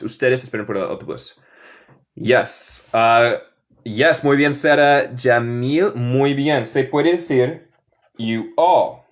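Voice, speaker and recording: On a live online class, a young American man from the northern United States with a Midwestern accent teaches English as a second language, explaining in Spanish. His voice is mid-range, and he speaks slowly, repeating each example sentence several times.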